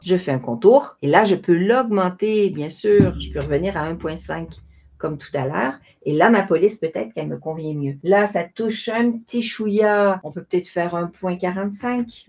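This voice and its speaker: A woman, explaining a design software tutorial step by step in a chatty way. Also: lowish voice. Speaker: craft software tutorial host. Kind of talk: screen-recorded tutorial narration.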